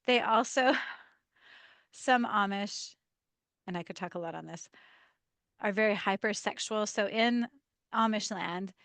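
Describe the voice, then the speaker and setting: Brief: woman guest on a video call, animated storyteller, laughs a lot, middle-pitched voice, dry close sound. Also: a little slow, pauses often, dry recording. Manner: animated storyteller, laughs often, acts out quoted dialogue. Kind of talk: casual interview storytelling.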